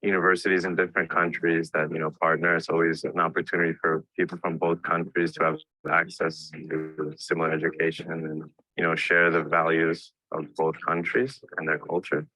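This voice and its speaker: A very deep-voiced man from New York speaking in a bright, forceful tone on a flat pitch. He talks casually in a promo interview, dropping "you know" often, and the audio is dry. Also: a little fast, dry recording, rough recording. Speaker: student.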